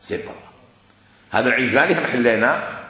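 A man's voice: mid-range voice, very fast, pushed and bright. A man with an Iraqi accent giving a classroom lecture, driving his points home by repeating them and asking rhetorical questions. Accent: Iraqi Arabic. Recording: very echoey room.

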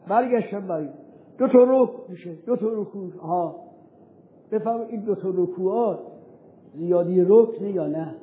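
High-voiced man teaching, tinny echoey audio. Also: slight background noise. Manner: asks and answers his own questions; recites Arabic phrases slowly. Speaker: religious teacher. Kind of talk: jurisprudence lesson.

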